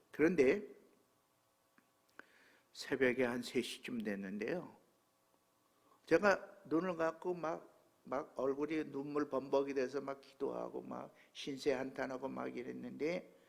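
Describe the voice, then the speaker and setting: A pastor in his seventies preaching a sermon, telling a personal story with emotion that swings from hushed tones to loud exclamations. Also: medium pitch, vocal fry. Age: 70s.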